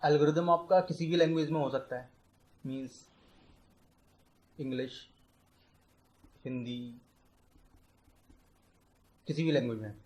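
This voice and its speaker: In a low-quality recording with a little hiss or hum, a young tutor walks through a computer science lecture one step at a time. His mid-range, darkish voice stays fairly even; he slips in English terms and slows to dictate definitions.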